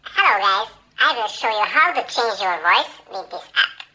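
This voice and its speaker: A squeaky helium-filtered voice, shifted well above natural pitch. It is extremely bright and sharp, with the artificial sound of a voice-changer app. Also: male voice, expressive, moderate pace, heavily acted, low-quality recording.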